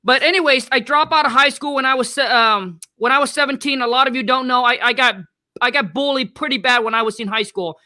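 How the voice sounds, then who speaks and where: High-voiced man from Vietnam, slangy. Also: fast talker, sharp tone. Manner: casual, slangy, earnest. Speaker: guest. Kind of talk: casual interview storytelling.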